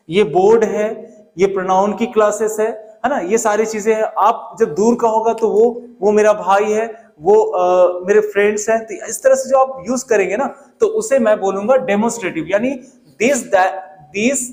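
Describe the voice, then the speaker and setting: A man with a fairly high voice teaches grammar to his class. He keeps asking questions, then answers them himself. He slows right down on every English example sentence. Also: darkish tone. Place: classroom with a whiteboard.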